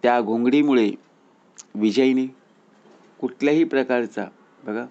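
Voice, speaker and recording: A man narrates a moral tale in a mid-pitched, earnest voice. He lifts his pitch and volume when the story turns tense, then settles back. The recording is a little dull and lo-fi. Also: unhurried, dark tone.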